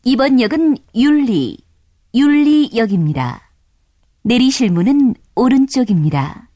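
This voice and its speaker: A woman's voice: fairly high pitch, animated, measured pace, dark tone, dry recording, studio quality. A woman reading a prerecorded train station announcement in a polite, formal, evenly paced voice. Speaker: subway announcer.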